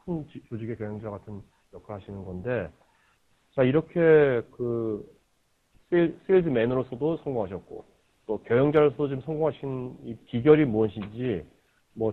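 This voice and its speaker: A man leads an interview, pressing his guest with searching questions and filling the pauses with short sounds of agreement. His voice comes through thin and tinny, like over a phone line. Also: mid-range voice, animated. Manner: probing, frequent backchannel agreement. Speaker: interviewer, host. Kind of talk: book interview. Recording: tinny lo-fi radio-like audio.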